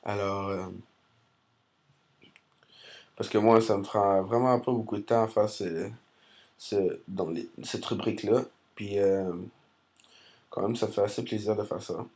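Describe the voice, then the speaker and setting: A man's voice: on the low side, steady tone, normal speed, darkish tone. A man with a Québécois accent giving rambling, hesitant commentary over recorded gameplay. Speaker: gaming commentator.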